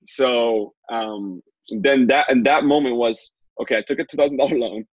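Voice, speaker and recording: Calling in over earbuds from a small home room, a Dominican Instagram consultant in his 20s gives a casual video-call interview. His husky, mid-range voice comes through muffled, dull and dry. He talks quickly and chattily, full of fillers and repetition.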